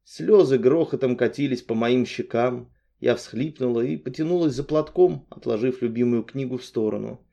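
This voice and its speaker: Man, audiobook narrator, calm even reading, mellow warm tone, mid pitch. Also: normal speed, creaky, few pauses, dull audio. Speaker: audiobook reader. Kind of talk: scripted narration.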